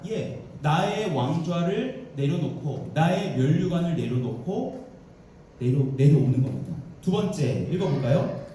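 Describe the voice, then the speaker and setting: A male pastor giving a lively sermon lecture to church officers, acting out prayers and voices as he preaches. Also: on the high side, unhurried, a crowd in the background. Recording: roomy, distant church sound.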